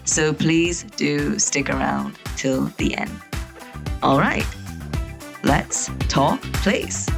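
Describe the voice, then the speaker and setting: A woman's voice: fairly low pitch, gravelly. A woman hosting a podcast interview, enthusiastic and chatty, with many ums and uhs. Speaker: podcast host. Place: indoor venue in London.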